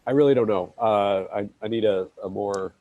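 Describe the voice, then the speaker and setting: A man's voice: lowish voice, normal speed, warm tone, no echo, muffled recording. A man on an online meeting call talking through a technical problem, hesitant and wry, with many restarts. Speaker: maintainer on open project call. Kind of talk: casual technical meeting talk.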